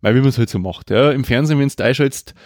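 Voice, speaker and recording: A man chats loosely as a podcast co-host, stumbling through his sentences with plenty of fillers. His voice sits at an ordinary middle pitch. It is recorded close and dry, with no room sound. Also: quick pace, darkish tone, dry recording. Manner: rambling, hesitant with many fillers. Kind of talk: casual chat.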